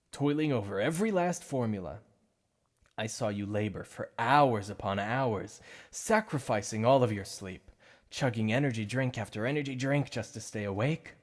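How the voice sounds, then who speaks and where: A lowish-voiced man lightly acts out a shy, obsessive supervillain for an ASMR roleplay. He speaks softly and stumbles over his words when he misspeaks.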